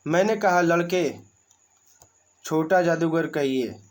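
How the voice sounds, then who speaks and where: Male teacher, unhurried and slightly high voice, reads a text and explains it plainly. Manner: reads a passage aloud, then explains it in plain words. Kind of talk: reading and explaining a school lesson.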